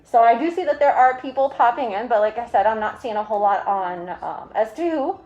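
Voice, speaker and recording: A woman's voice: fairly high pitch, expressive, a little fast, darkish tone, dull audio. A woman hosting a casual live video chat through a mask and face shield, rambling along with jokey asides. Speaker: livestream host.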